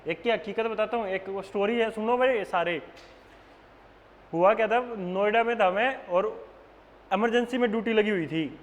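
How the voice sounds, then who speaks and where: A man's voice: high voice, normal speed. A young man with a Haryanvi accent teaching a nursing exam class in a casual, joking manner. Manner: joking, chatty, addresses students as beta. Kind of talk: classroom lecture with casual banter. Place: classroom with online students. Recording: classroom with long reverb and faint background noise.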